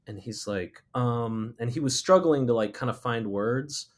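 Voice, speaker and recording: A middle-aged man, a muralist, recounting a personal story in a relaxed, rambling way with many fillers and restarts. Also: mid-range voice, a little slow. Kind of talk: casual spoken storytelling.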